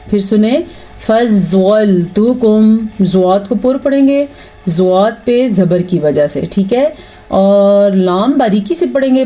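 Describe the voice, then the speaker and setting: A woman teaching Quran recitation rules, explaining patiently, often checking understanding and breaking into slow, drawn-out recitation to demonstrate. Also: mid-range voice, warm tone. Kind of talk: explanatory tajweed lesson.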